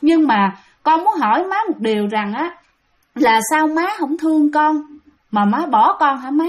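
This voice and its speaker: A woman's voice: high-pitched, animated, unhurried, pitched above the performer's own voice. A woman voicing the spirit of a dead young man, speaking tearfully and tenderly. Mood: gentle.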